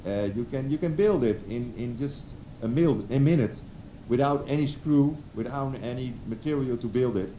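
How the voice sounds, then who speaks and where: A man's voice: mid-range voice, normal speed, mellow, roomy sound, a little hiss or hum. A man from the Netherlands with a Dutch accent, a guest telling his story in casual chat, hesitant and full of restarts. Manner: hesitant, many restarts and fillers.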